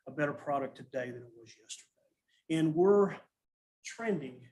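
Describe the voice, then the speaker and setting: A man's voice: on the high side, normal speed, poor audio. Man giving a matter-of-fact budget report. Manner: steady, matter-of-fact, with frequent restarts. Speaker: school child nutrition director. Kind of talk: presenting a financial report at a school board meeting. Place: school board meeting room.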